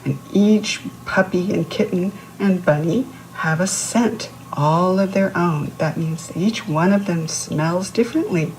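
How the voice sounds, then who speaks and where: A children's read-aloud host, a woman with a lowish, slightly mellow voice, reads a picture book to young kids a little slowly and with few pauses. She teaches by asking the listener questions and explaining words. The low-quality recording carries a little hiss or hum.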